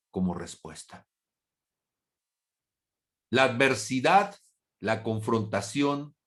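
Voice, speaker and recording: A male pastor teaching a Bible class at an unhurried, measured pace. His voice sits at an ordinary pitch, and he poses rhetorical questions, now and then jumping up into quick little acted-out dialogues. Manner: acts out brief imagined dialogues in a raised voice. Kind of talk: sermon.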